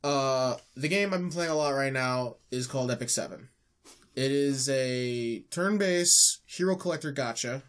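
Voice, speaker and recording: This podcast co-host, nose blocked up, chats casually about games in a rambling way, full of fillers, restarts and self-corrections. He speaks at a moderate pace in a mid-range, fairly bright voice.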